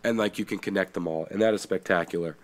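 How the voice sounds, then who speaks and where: Deep-voiced and fast, this young Canadian podcast co-host keeps the conversation casual. He's lively, curses frequently, and breaks into goofy accents.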